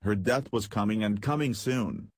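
A man's voice: fairly low pitch, moderate pace. A man narrating a scripted dramatic story in verse.

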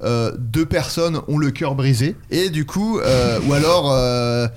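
A man's voice: medium pitch, a little slow, slight background noise. Hesitant French man chatting casually. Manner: hesitant, many fillers and restarts. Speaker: podcast co-host. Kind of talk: casual chat.

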